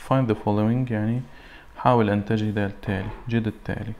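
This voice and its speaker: Low-voiced man teaching English vocabulary. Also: fairly even intonation, gravelly, darkish tone. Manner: reads English words slowly, then translates them. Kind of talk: recorded classroom lesson.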